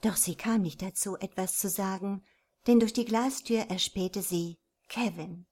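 Woman narrating a romance audiobook. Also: medium pitch. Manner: even, measured storytelling.

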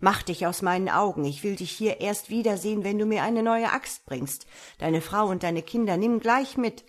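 A woman voicing an angry male count, a nobleman who shouts and scolds in a fairy tale reading. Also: medium pitch, moderate pace, lightly acted. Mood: furious.

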